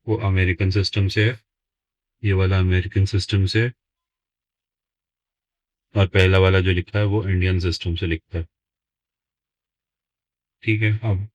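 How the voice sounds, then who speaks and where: A maths teacher with a deep, low voice walks through a lesson step by step. He slows down to dictate each number word by word as he writes it. The sound is dry and close, with no room echo. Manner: slow, deliberate, dictates numbers word by word while writing.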